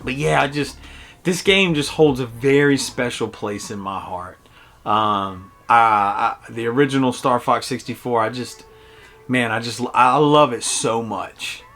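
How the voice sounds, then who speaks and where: A middle-aged man hosts a casual, personal video game review, speaking a little slowly in a mid-range, slightly bright voice. His delivery is nostalgic, enthusiastic storytelling, with music underneath.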